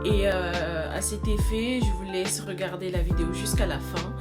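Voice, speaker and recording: A young woman from Togo telling a personal story to camera in a casual, halting way, with many fillers and restarts. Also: on the low side, fairly even intonation, recorded from a distance, over loud music. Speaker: vlogger. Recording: echoey room, voice a bit off-mic.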